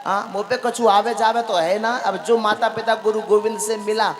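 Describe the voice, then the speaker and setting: A man's voice: sits high, flat delivery, moderate pace, crowd noise. A man preaching a devotional sermon, quizzing his audience with call-and-response questions and repeating phrases for emphasis. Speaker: katha preacher.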